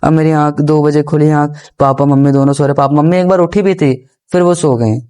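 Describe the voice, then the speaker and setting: A young podcast guest with a fairly high, steady, mellow voice that's clear and resonant speaks briskly as he earnestly relates a personal story. It's casual first-person storytelling, rambling and respectful, with restarts, repeated phrases, and frequent mentions of the host as guruji.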